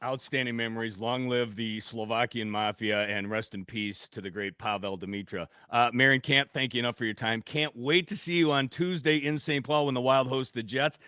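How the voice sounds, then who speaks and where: A man's voice: mid-range voice, fairly even intonation, moderate pace, few pauses, bright, forceful tone, clear, resonant tone, no echo, studio quality. A man hosting a sports radio interview, effusive, upbeat and friendly with his guest. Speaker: radio host.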